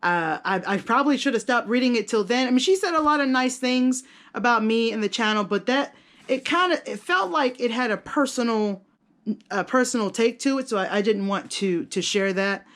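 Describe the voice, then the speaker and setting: A vlogger and content creator chats casually to her viewers in a high-ish, somewhat bright, animated voice at normal speed. She's candid, self-deprecating and rambling, using slang and casual swearing.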